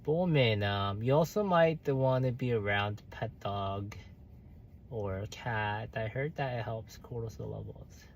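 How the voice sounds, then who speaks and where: A man's voice: lowish voice, unhurried, gravelly, lo-fi sound, slight background noise. A young man, chatting casually on a livestream while reading viewer comments, hesitant with many fillers and restarts. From South Korea. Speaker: livestream host.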